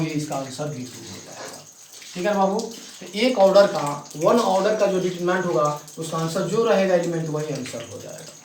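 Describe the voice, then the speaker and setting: Guy teaching maths, keeps asking if it's clear, roomy echo, a bit off mic. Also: high-pitched, recorded from a distance, slight background noise. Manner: repeats check-ins to students, spells out steps slowly. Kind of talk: classroom maths lesson. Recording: echoey room, voice from off the mic.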